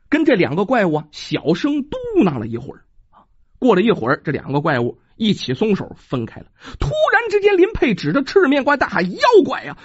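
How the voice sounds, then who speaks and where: A lively storyteller whose voice swings up and down through a traditional folk tale, full of chatty asides. The voice is a little husky, and the recording sounds dull and dry. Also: medium pitch, no room sound.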